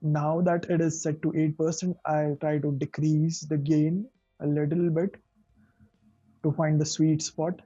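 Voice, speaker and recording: A man demonstrating camera mic gain settings, his voice carrying noise reduction artifacts from noise cancellation, explaining flatly with fillers. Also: fairly high pitch, unhurried, breathy edge, dry recording. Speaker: camera audio tester. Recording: dull lo-fi sound, faint music.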